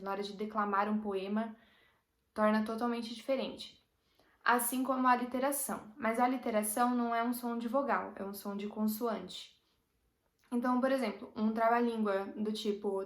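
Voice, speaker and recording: A woman's voice: a little high, a bit bright. A woman with a Brazilian Portuguese accent, teaching a casual language lesson and patiently explaining with everyday examples. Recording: roomy echo.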